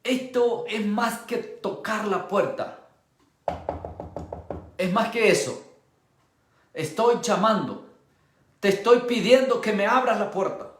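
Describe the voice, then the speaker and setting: A male pastor preaching a sermon with passion, moving between hushed tones and a raised voice. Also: high voice, takes it slowly, long pauses, echoey room.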